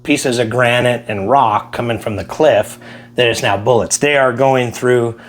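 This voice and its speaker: A man's voice: mid-range voice, measured pace, faint music behind. A man who is a helicopter pilot, telling a story casually in an interview and acting out the quotes with energy.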